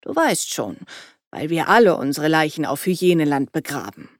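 Female reader voicing a patient middle-aged father, lowered voice, soothing. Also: big pitch swings, moderate pace, no echo, clean studio sound. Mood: placating.

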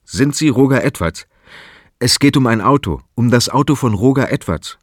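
A man reading the part of a persistent male police detective who fires off brisk, pressing questions. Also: medium pitch, lively intonation, no echo, clean studio sound, lightly acted.

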